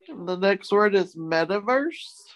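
A woman with a mid-range voice, heard in a rough recording, co-hosts a casual talk segment. Leading a word segment, she chats and reads out dictionary definitions.

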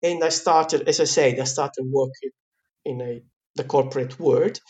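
A man's voice: mid-range voice, moderate pace, darkish tone. A man with an Italian accent, a guest in an interview, telling his story in a chatty way with many fillers and frequent laughs. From Italy. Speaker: guest, pizza teacher.

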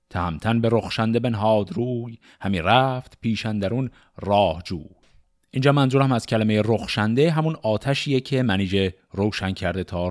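A middle-aged man telling an epic tale, reciting verse in a measured way and explaining it in relaxed asides. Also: fairly low pitch. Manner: measured declamation, then relaxed conversational asides. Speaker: storyteller.

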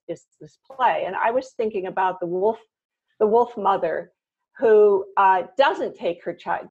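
A woman's voice: mid-range voice, darkish tone, slightly rough. A woman hosting a casual conversation, reflective and rambling, with many fillers. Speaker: host. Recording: dull lo-fi sound.

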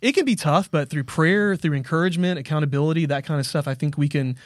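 A man co-hosting a faith podcast, talking quickly and loosely, sprinkling in fillers as he asks questions. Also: on the high side, no room sound, studio quality. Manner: quick, full of "you know" fillers, friendly questioning. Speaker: podcast co-host. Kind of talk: casual faith podcast chat.

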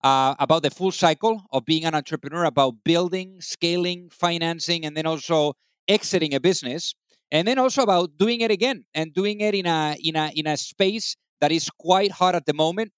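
Male podcast host, upbeat interviewer, slightly higher voice, dry close mic, restarts his phrasing often. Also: normal speed, clear, resonant tone, no echo. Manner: upbeat, repeats words while searching for phrasing.

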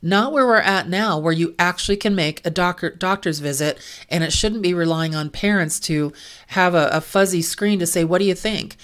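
Woman w/ a low voice going over medical billing rules, blunt, kinda fed up. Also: normal speed, a bit bright. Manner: frank, exasperated asides amid explanation. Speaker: medical coding and compliance auditor. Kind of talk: informational talk on healthcare billing rules.

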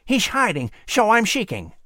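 A man's voice: sits high, wildly swooping pitch, normal speed, pushed and bright, no echo, voice pushed up, exaggerated voice. A man voicing an eager young male flying squirrel who talks with a whistling lisp through his buck teeth. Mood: playful. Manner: eager, chatty, boastful.

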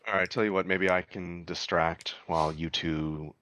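Very deep-voiced man at a game table. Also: steady tone, moderate pace, pushed and bright, no echo. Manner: plain, matter-of-fact planning. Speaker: player. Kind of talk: casual game table chat.

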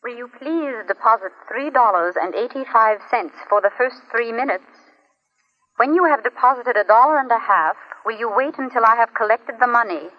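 A brisk payphone operator. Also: female voice, fairly high pitch, expressive. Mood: formal. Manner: crisp, formal, routine phrasing. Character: brisk, polite female telephone operator. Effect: heard through a payphone line. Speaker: long-distance telephone operator. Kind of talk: 1940s radio acting. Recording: dull lo-fi old radio recording.

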